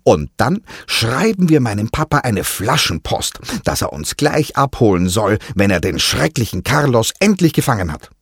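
A man's voice: lowish voice, sing-song, moderate pace, few pauses, husky, no echo, clean studio sound, heavily acted. A man voicing an eager young boy in a storybook reading, talking earnestly through his plans.

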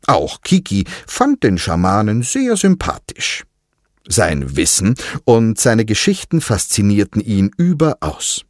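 A man narrating a children's storybook in an expressive, leisurely way. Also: fairly low pitch, dry recording, clean studio sound.

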